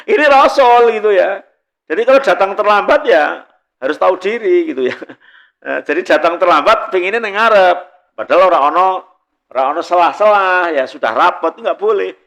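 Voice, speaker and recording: A man's voice: high-pitched, lively intonation, normal speed, vocal fry, a bit bright. A middle-aged man with a Javanese accent giving a religious study talk, chatty and joking, laughing often and slipping into Javanese. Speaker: preacher.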